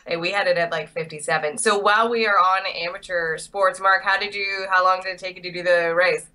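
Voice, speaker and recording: Bright-voiced teasing woman host. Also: fairly low pitch, fairly even intonation, a little fast. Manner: teasing, playful. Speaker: podcast host. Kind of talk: casual chat.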